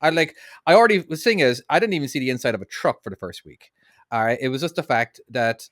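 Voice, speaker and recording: A man co-hosting a casual podcast, telling lively stories with quick restarts. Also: mid-range voice, no echo, studio quality. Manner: quick, animated storytelling with restarts. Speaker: podcast co-host, truck driver.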